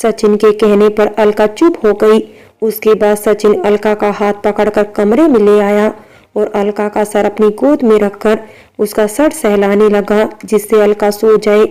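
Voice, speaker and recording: A woman narrates a scripted story with a calm, even delivery. Her voice is smooth and clear, with a warm, mellow tone. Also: mid-range voice, a little slow, rough recording.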